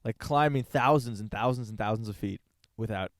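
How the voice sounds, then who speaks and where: A man's voice: lowish voice, a little fast, no room sound, studio quality. A young man co-hosting a podcast in casual chat, telling stories eagerly and repeating himself. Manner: enthusiastic storyteller, repeats himself. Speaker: podcast co-host.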